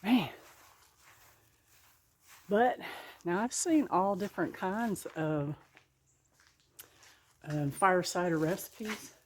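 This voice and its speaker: This gardening vlogger speaks very slowly in a fairly low voice, pausing often and sounding a bit winded as she works outdoors. Her narration is casual, folksy, and full of laughter, and a faint hiss or hum sits under the recording.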